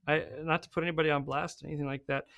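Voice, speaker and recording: A man's voice: fairly high pitch, flat delivery, very fast, creaky, fairly bright tone. A man hosting a podcast, talking in an easygoing, joking way. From American Southwest desert. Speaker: podcast host. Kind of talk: casual podcast chat.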